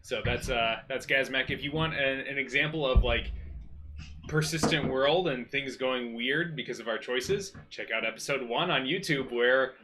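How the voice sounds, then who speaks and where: A man's voice: mid-range voice, normal speed, background noise. A man, a player in a tabletop game, chatting loosely about his character with plenty of fillers.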